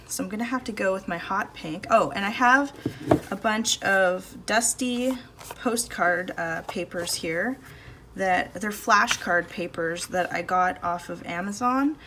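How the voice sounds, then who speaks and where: Chatting in a relaxed way at a measured pace, a mid-pitched woman thinks aloud while painting for her art vlog. The indoor home studio clip is recorded on a phone camera over the table, no external mic, with traffic and a fridge humming faintly behind her.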